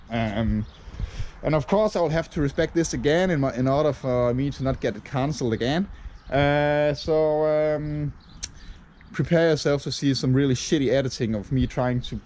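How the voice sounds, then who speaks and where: A man's voice: medium pitch, darkish tone, slight background noise. Rambling Danish man vlogging outdoors. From Denmark. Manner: rambling, with frequent fillers. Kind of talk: casual vlog talk to camera. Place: outdoors on a chilly morning. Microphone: camera held at arm's length.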